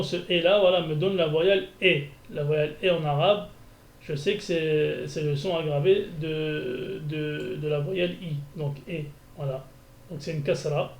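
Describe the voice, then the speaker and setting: A man's voice: fairly high pitch, gravelly, a little mellow. A man teaching a beginner Arabic lesson, thinking aloud as he corrects exercises, with frequent restarts. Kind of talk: screencast lesson. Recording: echoey room, faint ambience.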